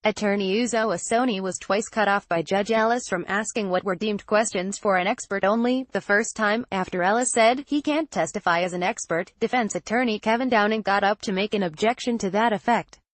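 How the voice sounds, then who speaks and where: A woman reads a news roundup aloud in an even, steady scripted delivery. Her voice sits at a mid pitch for a woman. The recording is dry and close, with no room sound. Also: brisk, hardly any pauses, no room sound. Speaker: news narrator.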